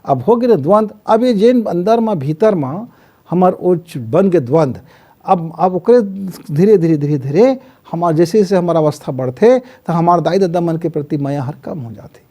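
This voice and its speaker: A middle-aged man with a Chhattisgarhi accent gives a motivational talk on life goals, his voice high yet mellow and dark in tone. He teaches through stories and acts out the voices of parents and villagers as he goes. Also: lively intonation, normal speed. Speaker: spiritual guru giving life advice.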